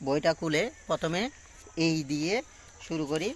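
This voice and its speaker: A man giving a casual pronunciation lesson on a phone front camera, talking slowly and repeating each word with many fillers. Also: fairly high pitch, steady tone, slight background noise. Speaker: English pronunciation teacher. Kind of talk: casual self-recorded lesson.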